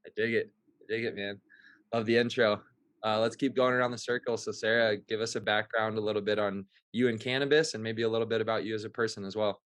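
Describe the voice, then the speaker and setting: A man hosting a webinar panel, relaxed and easygoing, with lots of ums. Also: lowish voice, fast. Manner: relaxed, easygoing, filler-heavy. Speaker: webinar host. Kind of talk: casual hosting. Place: remote webinar call. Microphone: video call.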